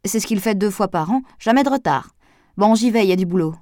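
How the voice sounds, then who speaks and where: A woman's voice: mid-range voice, animated, quick pace, mellow, no echo, close to an everyday voice. A woman reading an audiobook, voicing a jovial, sly male gardener in a breezy manner.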